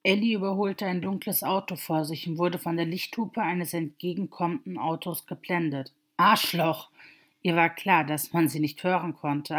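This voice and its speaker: A woman narrates a story aloud in a steady, measured reading. Her voice is somewhat low for a woman's, and she keeps the telling even and unhurried.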